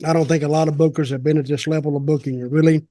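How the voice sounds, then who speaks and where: A podcast co-host and wrestling storyteller in his seventies, with a slightly high-set, warm voice, chats casually and rambles through blunt, folksy opinions. He speaks fast in a flat delivery. Recorded over a video call from a small home office, the sound is dry with very little room tone.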